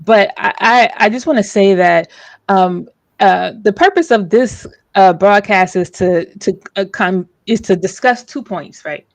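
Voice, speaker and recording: A woman's voice: medium pitch, animated, unhurried, creaky, dry recording. A woman hosting a livestream discussion, talking casually with many fillers and restarts.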